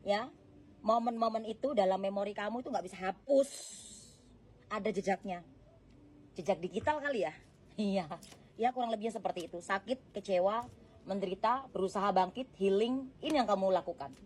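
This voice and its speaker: A woman reads tarot cards in a casual, chatty way, speaking softly and straight to the listener. Her voice sits at a middle pitch. A faint noise hums under the recording. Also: normal speed, pauses often. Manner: gentle, chatty, addresses the viewer directly, laughs often. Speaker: tarot card reader. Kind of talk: casual tarot reading monologue.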